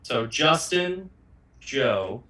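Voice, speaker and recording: A man running a tabletop game as its game master. His voice is bright and forceful, and he sits at middle pitch. He talks haltingly, with many fillers and restarts. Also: big pitch swings, poor audio. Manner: halting, filler-heavy delivery.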